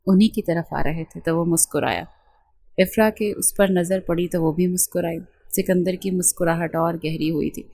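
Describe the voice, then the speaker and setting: Female novel narrator, lowish pitch, dry close sound, steady gentle read. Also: no echo. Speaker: novel reader. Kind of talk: scripted narration of a romance novel.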